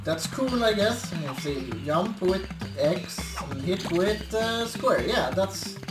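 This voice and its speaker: A young man giving casual, hesitant, low-key gameplay commentary. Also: expressive, takes it slowly. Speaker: let's play host. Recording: echoey, distant mic, game audio. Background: video game music.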